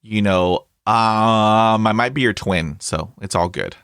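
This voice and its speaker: A man hosts a conversational podcast interview, stuttering heavily with blocks and repeated sounds while staying upbeat and chatty, full of fillers. His voice is lowish and slow, with background noise in the recording.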